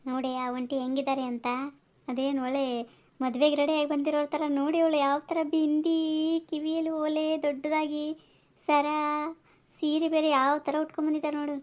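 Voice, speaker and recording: A woman's voice: high voice, flat delivery, fairly quick, a little mellow, lightly acted. A woman voicing a snooty young city woman in a cartoon, gossiping in a sneering way. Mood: mocking. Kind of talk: cartoon voice acting.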